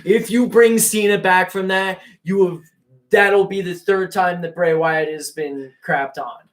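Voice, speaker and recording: High-voiced excitable wrestling show co-host. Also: male voice. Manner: rambling, fast restarts, excitable when teasing. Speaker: podcast co-host. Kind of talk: casual wrestling talk show chat.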